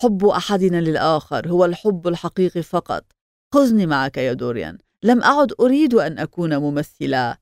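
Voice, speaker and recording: A woman's voice: on the low side, very animated, a little fast, a little mellow, dry recording, studio quality. A woman voicing a lovestruck, pleading young actress in an audiobook. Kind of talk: audiobook character reading.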